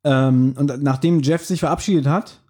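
A man with a slightly raised, husky voice talks animatedly in a casual podcast chat. He laughs often and slips into quick put-on voices to act out scenes. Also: a little high, fairly even intonation, mellow. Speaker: podcast co-host. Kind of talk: casual chat reviewing a radio play.

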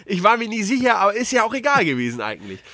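A man co-hosting a casual podcast, telling a funny story with animated delivery and acted-out voices. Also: sits high, fast, no echo. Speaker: podcast co-host.

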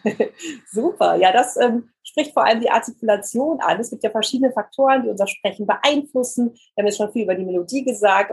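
Breathy woman explaining voice technique. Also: medium pitch, poor audio. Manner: calm, explanatory, demonstrates exercises. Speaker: voice coach and news presenter. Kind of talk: explanatory podcast interview.

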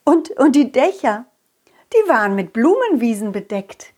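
A woman's voice: fairly high pitch, sing-song, measured pace, a little mellow, breathy edge, full character voice. A woman voicing a curious, friendly young boy who talks with eager wonder.

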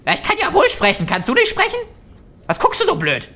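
A woman's voice: high voice, huge pitch swings, a little fast, fairly bright tone, a little hiss or hum, exaggerated voice. A woman voicing a cheeky little talking raven familiar in a tabletop role-play, brash and mouthy. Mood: indignant.

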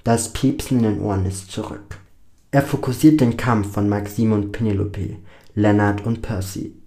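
A man narrating a dramatic story in a steady, measured reading. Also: fairly low pitch.

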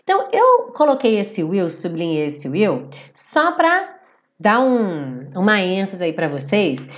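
A woman teaching English in a live online class. She explains grammar patiently, checks in with her viewers often, and reads song lyrics slowly and deliberately. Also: mid-range voice, big pitch swings. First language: Portuguese. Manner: explanatory, checks in with "certo?" and "tá bem?". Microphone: computer setup with phone beside.

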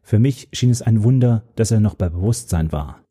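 A man reading a story in calm, measured first-person narration. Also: on the low side, husky. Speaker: audiobook narrator.

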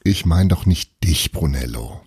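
A man's voice: rumbling low, expressive, measured pace, a little mellow, breathy edge, no room sound, clean studio sound, heavily acted. A man voicing a witch's daughter who patiently sets others straight in a storybook reading. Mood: explaining. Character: young female witch's daughter, bossy and explaining.

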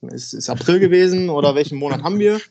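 A man in his thirties from Germany, a football player talking frankly and a bit haltingly as a podcast guest. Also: a little high, lively intonation, gravelly, warm tone, highs cut off. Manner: frank, rambling, hesitant. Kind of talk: casual podcast interview.

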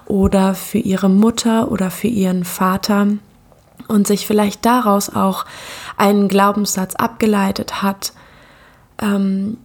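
A woman's voice: medium pitch, gravelly, darkish tone. A woman coach speaking in an earnest, reflective monologue, often repeating words for emphasis. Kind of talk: reflective monologue on self-worth.

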